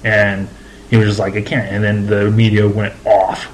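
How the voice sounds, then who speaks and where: A man co-hosting a casual podcast chat, retelling scenes lively and laughing easily. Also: on the low side, moderate pace, poor audio. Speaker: podcast co-host.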